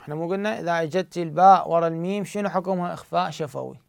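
High-voiced man teaching Quran recitation. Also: creaky, darkish tone, no echo. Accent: Iraqi Arabic. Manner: explains rules, then slowly drawls out recited verses. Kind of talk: tajweed lesson with recited examples.

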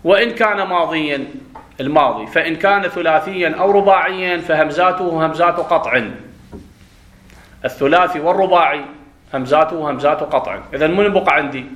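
A man teaching a grammar lesson in a classroom. He drills pronunciation by contrasting right and wrong forms and checks understanding with quick questions. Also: fairly high pitch, a bit bright. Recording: roomy echo.

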